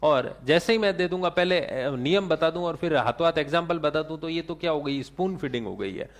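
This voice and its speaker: A man's voice: on the high side, expressive, a little fast. A male teacher giving a classroom lecture, asking the class questions and answering them himself, with English terms mixed into his talk.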